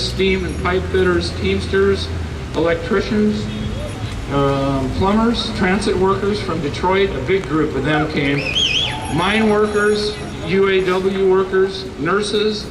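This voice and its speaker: Man from the Midwest, earnest rally testimony, halting, distant mic, roomy echo. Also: sits high. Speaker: rally speaker. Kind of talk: plainspoken personal testimony at a rally. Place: outdoor rally. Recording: echoey distant mic with outdoor noise.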